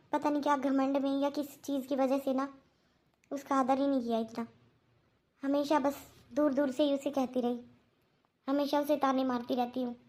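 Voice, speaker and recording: A woman's voice: high voice, a little mellow, natural voice. A woman voicing an older mother-in-law in a cartoon, a stern woman who turns remorseful. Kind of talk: Hindi cartoon dubbing.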